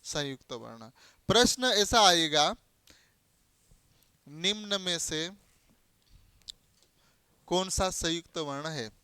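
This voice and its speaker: A man's voice: on the high side, expressive, slow, long pauses, sharp tone, clear, resonant tone, no room sound. A man teaching a Hindi grammar lesson to a class. He asks questions and answers them himself, repeating key terms and spelling out letters as examples. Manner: explains by spelling out letters and giving everyday examples.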